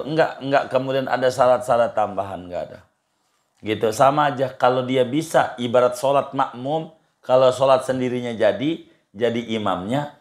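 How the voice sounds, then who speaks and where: A man, a cleric giving a relaxed religious study talk and answering questions in a colloquial, repetitive way. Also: on the low side. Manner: easygoing, colloquial, repeats phrases, chuckles.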